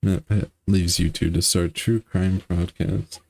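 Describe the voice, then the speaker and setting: A man's voice: deep voice, level tone, measured pace, gravelly, a little mellow, no room sound. A man hosting a let's play, chatting casually over a mystery game with a joking, wry manner.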